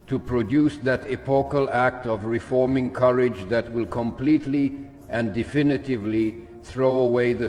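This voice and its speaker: A man reading a formal political speech aloud in a measured, deliberate way, pausing between phrases. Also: mid-range voice, darkish tone. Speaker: speech reader. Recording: long hall reverb with music behind. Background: music.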